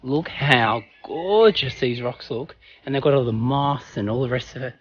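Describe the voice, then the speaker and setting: A man hosting a casual travel vlog outdoors, chatty and excitable, out of breath from climbing. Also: mid-range voice, normal speed, lo-fi sound, slight background noise. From Australia. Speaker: travel vlogger. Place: outdoors on a rocky hill. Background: music.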